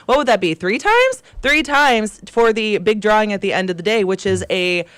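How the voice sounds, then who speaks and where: A woman co-hosting a morning radio show, chatting in a rambling way with quick asides, in a studio. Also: mid-range voice, expressive, a bit bright, smooth, no room sound. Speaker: radio co-host. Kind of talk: casual on-air banter. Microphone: studio microphone.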